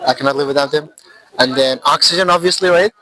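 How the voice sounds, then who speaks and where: A young man from Afghanistan, a student, answering an interview in a relaxed, joking way with hesitant fillers. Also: fairly high pitch, fast, rough recording. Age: young adult. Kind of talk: casual chat.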